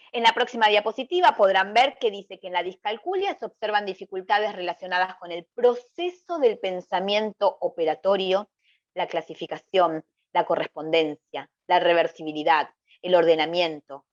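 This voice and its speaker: A woman presenting an educational webinar. She asks questions aloud and answers them herself, checking in with her listeners as she explains. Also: mid-range voice. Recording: dull lo-fi webinar audio.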